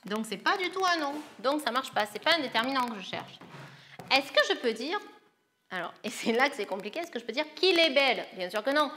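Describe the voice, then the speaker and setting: A woman's voice: high-pitched, lively intonation, a little fast, bright, forceful tone, slight background noise. A woman who teaches primary school, patiently walking young pupils through a grammar lesson step by step. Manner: patient, explains step by step, calls pupils "les loulous".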